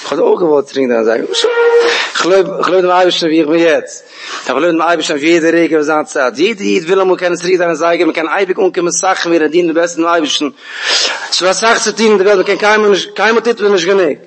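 A man telling a folk tale in an animated way, often repeating words and voicing the figures' lines himself. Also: sits high, a little fast.

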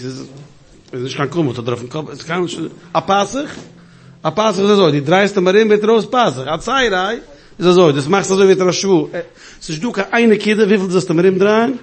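A man telling a story in a casual, halting way, often restarting and repeating words. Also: high-pitched.

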